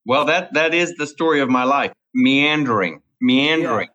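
This middle-aged Cajun-accented man from Louisiana, USA, speaks in a fairly high, sharp voice at a brisk clip. He's a guest in a casual interview, rambling and repeating his words, and the sound is dull and lo-fi.

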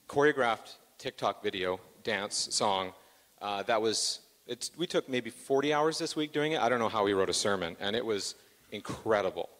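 A man's voice: lowish voice, fairly bright tone, big-room sound. A man hosting church announcements in a joking, self-deprecating way, with plenty of fillers. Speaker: church host doing announcements. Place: church sanctuary.

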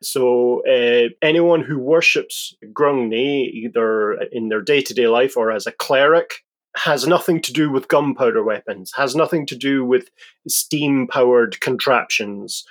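A man's voice: mid-range voice, a little slow. Regular guy rambling through fantasy lore on a podcast, laid back, keeps correcting himself. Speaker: podcast host explaining game lore. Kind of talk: casual lore explanation.

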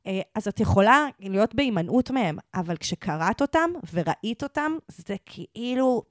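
A woman's voice: mid-range voice, animated, no echo, studio quality. A woman with an Israeli accent chatting casually as a podcast co-host. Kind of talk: casual conversational podcast chat.

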